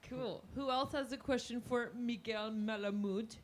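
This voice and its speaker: A woman hosting a live talk show, asking questions and cracking quick, teasing jokes. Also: fairly high pitch.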